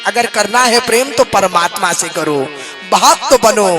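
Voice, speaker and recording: Speaking over music, a high-voiced man delivers a devotional sermon to a live, seated audience in a hall. He drifts from talking into slow, tuneful Sanskrit chanting and poses questions to the crowd.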